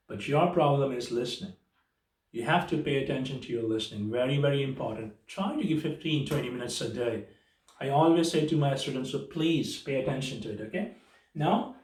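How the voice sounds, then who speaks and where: A man's voice: mid-range voice, a little mellow. A man with a Pakistani accent teaching English grammar, mixing English and Urdu and tagging phrases with "okay?", spelling sentences out word by word. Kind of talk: spoken grammar lesson. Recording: echoey room, mic at a distance.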